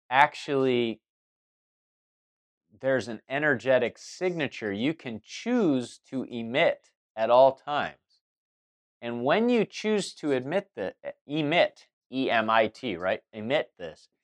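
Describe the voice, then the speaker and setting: A man giving a loose spoken monologue as host, restarting sentences and circling back with fillers as he talks. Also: medium pitch. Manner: rambling, many restarts and fillers. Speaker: spiritual talk host.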